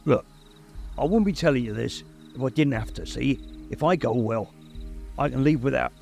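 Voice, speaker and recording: Hagrid, a man doing a gruff giant. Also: medium pitch, darkish tone, soft background music, lightly acted. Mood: upset. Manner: rough dialect speech, halting, sniffling. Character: huge gruff tearful man, gamekeeper.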